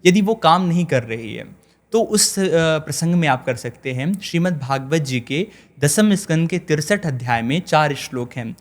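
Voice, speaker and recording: A young man, a religious storyteller, explaining scriptures in an earnest, measured teaching tone with small hesitations. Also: a little high, expressive. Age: young adult.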